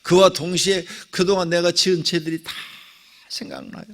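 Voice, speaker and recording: A middle-aged male pastor telling a personal testimony in a dawn prayer sermon, dramatic, with sudden swings between loud cries and near whispers. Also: high-pitched, level tone, normal speed.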